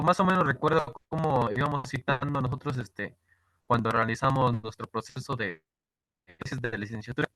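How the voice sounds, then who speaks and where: A man's voice: medium pitch, pushed and bright, rough recording. A man, a graduate student asking hesitantly during an online class. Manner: hesitant, full of fillers. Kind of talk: classroom question on a video call. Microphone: video call.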